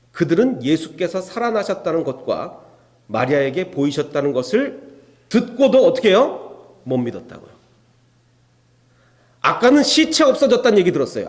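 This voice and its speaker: A male pastor in a church sanctuary preaches an expository sermon at a moderate pace with long pauses, his voice a little high and very animated. He asks the congregation rhetorical questions and voices biblical exchanges in changing tones, all under a long hall reverb.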